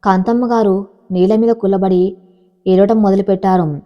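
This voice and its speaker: A woman storyteller narrating an audio story with a dramatic, measured reading. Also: mid-range voice, steady tone, long reverb tail, lo-fi sound.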